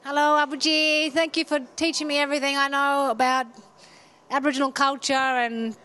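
Woman, heartfelt thank-you message, quick delivery, high voice. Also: level tone, pushed and bright.

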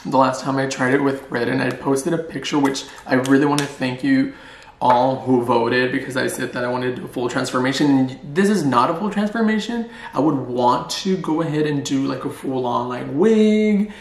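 A man's voice: medium pitch, normal speed. A man chatting playfully in a casual vlog and joking at his own expense. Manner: playful, chatty and self-mocking. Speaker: vlogger. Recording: roomy echo.

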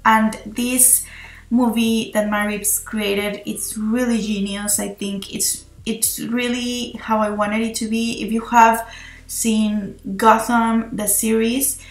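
A woman's voice: fairly high pitch, flat delivery, takes it slowly, soft background music. A woman chatting enthusiastically through a rambling film review, recorded on her phone. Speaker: movie reviewer. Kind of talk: casual spoken film review. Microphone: phone recording itself. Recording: echoey room on a phone mic.

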